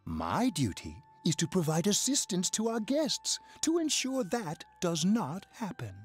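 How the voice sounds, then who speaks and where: Video game role: mysterious old fortune teller, husky, wildly swooping delivery, music underneath. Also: male voice, high voice, wildly swooping pitch, heavily acted. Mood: solemn, courteous. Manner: theatrical fortune teller, slow, portentous. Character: eerie, long-nosed old male fortune teller, amused and mysterious. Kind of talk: scripted video game dialogue. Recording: game audio over background music.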